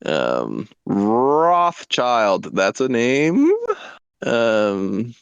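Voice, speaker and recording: A playful man leads a tabletop game, laughing often. His voice rises and falls in lively swings. The sound is close and dry. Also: mid-range voice, very slow, creaky, clear, resonant tone, dry recording, lo-fi sound. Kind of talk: tabletop game session chat.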